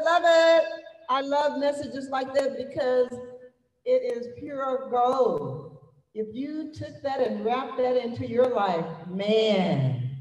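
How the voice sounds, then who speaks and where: A woman's voice: a little high, darkish tone. A middle-aged woman hosting a chapel event with enthusiasm, exclaiming and repeating her phrases. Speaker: event host. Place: large indoor gymnasium. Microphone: handheld microphone. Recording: echoey gymnasium PA, long reverb.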